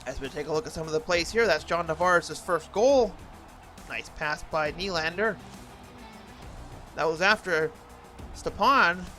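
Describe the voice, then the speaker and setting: A man doing an announcer-style play-by-play commentary of a hockey video game, excitable on big plays. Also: fairly high pitch, measured pace, long pauses, faint music behind.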